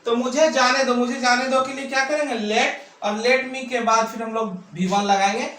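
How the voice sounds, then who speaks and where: High-voiced man teaching grammar in a roomy echo. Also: steady tone, sharp tone. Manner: asks and answers his own questions, drawn-out words. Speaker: English teacher. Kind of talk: classroom grammar lesson. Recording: echoey room, mic at a distance.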